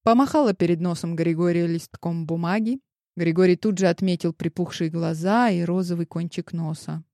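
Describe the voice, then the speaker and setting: A woman narrating an audiobook with lively storytelling. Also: on the low side, moderate pace, no room sound, clean studio sound. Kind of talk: scripted narration.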